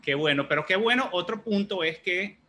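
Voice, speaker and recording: A man's voice: high-pitched, expressive, a little fast, bright, forceful tone. A man hosting a casual interview, encouraging his guest with short affirmations and open questions. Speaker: interview host.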